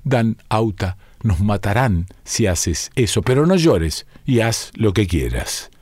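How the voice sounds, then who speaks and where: Anxious, patient carer hushing a child, slow and low, dry close read by a man narrating. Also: very animated, breathy edge, dry recording, exaggerated voice. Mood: soothing. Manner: soothing, pleading.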